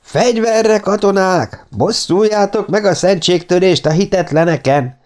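A man voicing a zealous male friar who shouts harshly in an audiobook reading. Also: high voice, pitched above the performer's own voice, natural voice. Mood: furious.

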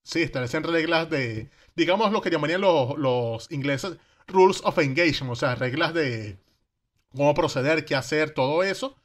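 A man's voice: on the high side, expressive, normal speed, a bit bright. A man with a Venezuelan Caribbean Spanish accent telling history casually, in slangy everyday speech, asking rhetorical questions and acting out quotes.

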